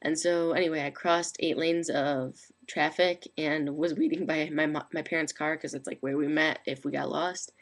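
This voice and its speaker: A woman's voice: low voice, fairly even intonation, normal speed, few pauses. A young woman from Minnesota talking casually into her webcam late at night while she has the hiccups, rambling with lots of "like" and "um". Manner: chatty, rambling, frequent "like" and "um" fillers. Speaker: vlogger. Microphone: webcam microphone.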